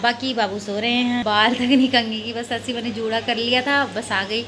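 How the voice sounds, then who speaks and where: A woman's voice: on the high side, steady tone, moderate pace, crowd noise. Young woman vlogging casually at home. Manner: chatty, rambling, self-narrating daily errands. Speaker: family vlogger.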